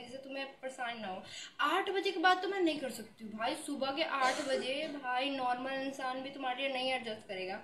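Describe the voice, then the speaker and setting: A young woman telling a storytime vlog in a casual, animated and exasperated way, full of fillers. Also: high voice, reverberant, a little hiss or hum. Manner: animated, exasperated, many fillers like "thik hai" and "bhai". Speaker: vlogger.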